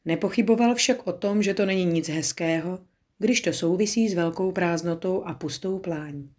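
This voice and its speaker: A woman narrating a children's story as an audiobook, in a calm, measured storytelling manner. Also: fairly low pitch.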